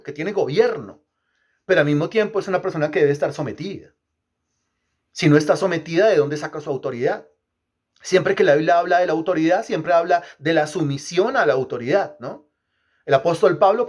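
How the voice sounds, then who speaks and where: A man preaching a teaching sermon, asking the congregation questions and repeating phrases for emphasis. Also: fairly high pitch. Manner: emphatic, rhythmic repetition. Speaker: pastor.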